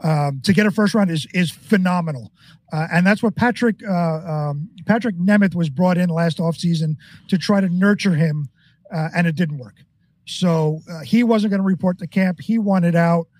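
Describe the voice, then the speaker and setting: A man with a high voice co-hosts a sports chat, talking eagerly with plenty of fillers. The recording is dry and close. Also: normal speed, darkish tone, no room sound. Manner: eager, many "uh" and "um". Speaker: co-host.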